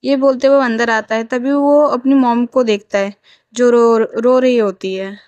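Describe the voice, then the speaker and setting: High-voiced young woman narrating a story. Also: fairly even intonation, measured pace, a little mellow, smooth, no echo, dull audio. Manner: narrates and voices all characters plainly, emotional. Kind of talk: fan fiction story narration.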